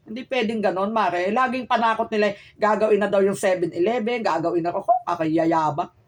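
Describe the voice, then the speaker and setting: A woman's voice: mid-range voice, fairly quick. A woman shopkeeper in casual chat, venting aggrieved complaints to a friend.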